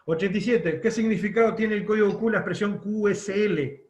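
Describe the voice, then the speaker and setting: A man's voice: high voice, brisk, darkish tone, roomy sound. A man teaching a radio course, explaining step by step with many fillers and restarts. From Uruguay. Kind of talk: online class lecture.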